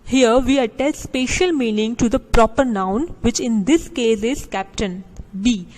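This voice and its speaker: Teaching English grammar, a woman with a highish, slightly mellow voice reads out rules and examples deliberately and slowly. She then explains them, often restarting and using small fillers.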